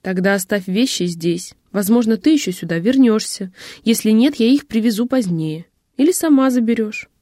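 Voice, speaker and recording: A woman's voice: mid-range voice, animated, moderate pace, warm tone, no echo, studio quality, natural voice. A woman reading the lines of a curt, commanding man of means in an audiobook, with terse, clipped replies.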